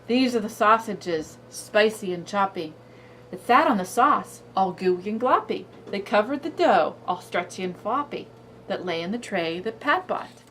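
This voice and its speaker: A woman reading picture books aloud as if to a toddler, in an expressive, sing-song storybook way with drawn-out, emphasized words. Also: medium pitch, distant mic, a little hiss or hum, rough recording. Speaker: children's librarian demonstrating read-aloud books.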